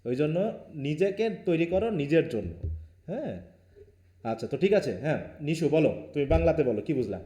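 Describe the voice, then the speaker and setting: A man's voice: fairly high pitch, expressive, brisk, warm tone. Lecturing man in an echoey room. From Bangladesh. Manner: firm, questioning, mixes Bengali with English. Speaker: university English teacher. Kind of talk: live online class lecture.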